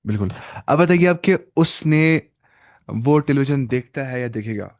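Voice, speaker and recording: A man's voice: mid-range voice, lively intonation. Man teaching, drilling phrases over and over. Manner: drills phrases, repeats and prompts the student. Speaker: Arabic teacher. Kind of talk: online language lesson.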